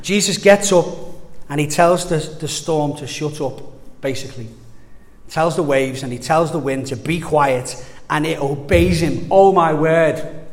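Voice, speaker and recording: A man's voice: on the high side, unhurried. A man preaching an earnest, conversational sermon to his congregation, often restarting his sentences. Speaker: pastor. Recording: long hall reverb.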